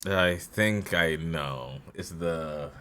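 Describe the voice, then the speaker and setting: A man co-hosting a podcast in casual chat, animated and prone to loud outbursts. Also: low-pitched, very slow, clean tone. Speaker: podcast co-host.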